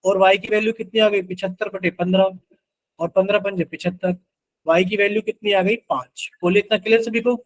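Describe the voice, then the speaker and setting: A man's voice: high voice, steady tone, fairly quick, no room sound, low-quality recording. A man teaching an online math class, coaxing students to answer and working sums aloud with chanted multiplication tables.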